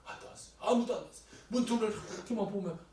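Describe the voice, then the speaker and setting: A male pastor delivers a sermon in a noticeably high voice, slipping into acted voices as he tells a story. He sounds set back from the microphone, and his words ring through an echoey church hall. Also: racing, a little hiss or hum. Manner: animated storytelling, acting out quoted voices. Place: church sanctuary. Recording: echoey hall, distant mic.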